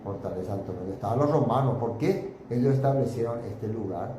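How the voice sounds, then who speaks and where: A man's voice: mid-range voice, a little fast. A man leading an informal Bible study, explaining in a chatty, searching way with many fillers while pointing out pictures. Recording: roomy echo with steady background noise.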